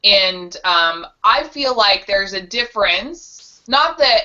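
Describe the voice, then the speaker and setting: A woman's voice: fairly low pitch, bright, forceful tone. A woman co-hosting a casual web show, joking and laughing often. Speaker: co-host. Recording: dull lo-fi webcam audio.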